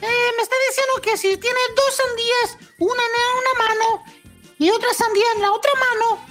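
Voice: very high-pitched, fairly even intonation, moderate pace, bright, forceful tone, faint music behind. A performer voicing a whiny, mischievous schoolkid in a comedy radio sketch.

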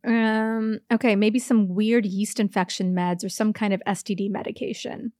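A woman co-hosting a comedy podcast in casual chat, making wry, deadpan remarks. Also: medium pitch, moderate pace, no room sound, studio quality. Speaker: podcast co-host.

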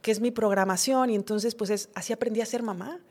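A woman's voice: a little high, steady tone, quick pace, darkish tone. A middle-aged woman, a podcast guest, talking reflectively in a conversational interview and acting out her own inner dialogues.

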